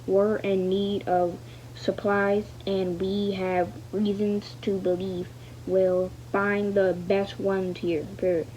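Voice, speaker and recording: A learner reads a novel aloud haltingly, stumbling over words, repeating fragments and saying the punctuation out loud. Her mid-range voice is level, slow and dark, in a dull lo-fi recording with faint noise.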